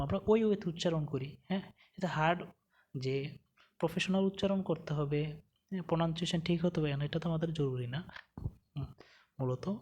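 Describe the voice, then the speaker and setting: In a low, darkish voice with a breathy edge, a woman teaches a vocabulary lesson built on memory tricks. She poses questions and then answers them herself.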